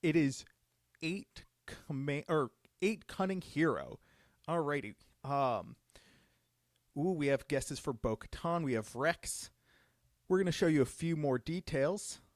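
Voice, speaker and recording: A man hosting a judge program's live-stream Q&A casually reveals cards, upbeat and enthusiastic. His fairly high voice is expressive and a little slow, recorded dry with clean studio sound.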